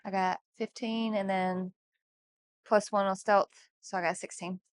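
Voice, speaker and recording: A woman's voice: medium pitch, steady tone, unhurried, dry recording. Female player, unsure questions, dry close sound. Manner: hesitant, asks questions. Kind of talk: playing a tabletop game.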